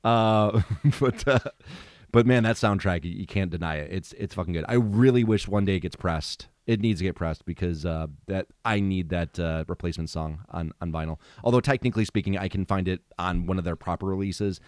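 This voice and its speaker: Rambling, profane man with a low voice. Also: brisk, a little mellow, dry recording, clean studio sound. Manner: rambling, profane, full of fillers. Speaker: podcast co-host. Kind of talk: casual chat.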